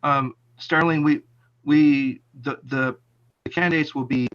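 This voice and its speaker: A man's voice: fairly high pitch, fairly even intonation. A man talks over a video call as his connection keeps breaking up. The sound is dull and lo-fi. He stops and starts, repeating words as he goes. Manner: halting, restarts and repeats words. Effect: video call audio breaking up. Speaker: meeting organizer on a video call. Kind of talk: casual meeting talk. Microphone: computer mic on a video call.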